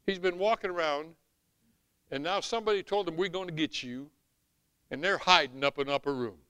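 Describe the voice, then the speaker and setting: Bright, forceful Southern preacher man. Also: on the high side, fairly quick, clear, resonant tone, no room sound. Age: middle-aged or older. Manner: emphatic, folksy, swinging from hushed asides to shouts. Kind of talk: animated sermon with scripture reading.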